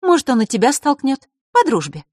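An audiobook reader voicing a sharp-tongued young girl who answers with snide, cold retorts. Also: mid-range voice, lively intonation, normal speed, breathy edge, no echo, clean studio sound, voice pushed up. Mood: mocking.

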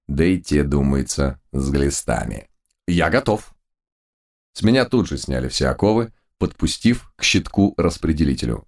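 Brief: male narrator, extremely low voice, wry and ironic, first-person audiobook reading. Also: darkish tone.

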